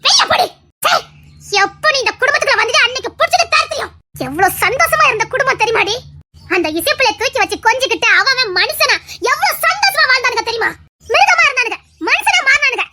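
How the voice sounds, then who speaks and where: A woman's voice: very high-pitched, lively intonation, quick pace. A woman voicing a fierce, protective middle-aged village mother in an audio drama, who scolds, curses and sobs. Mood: furious. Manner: scolding, shouting, cursing, sobbing. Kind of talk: Tamil audio drama acting.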